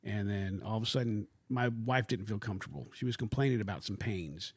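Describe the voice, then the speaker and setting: A man's voice: on the low side, a little fast, breathy edge, no room sound. A man from Houston, guesting on a podcast in a studio, telling family stories in a rambling way full of "you know" fillers. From Houston, Texas. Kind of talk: casual chat, storytelling.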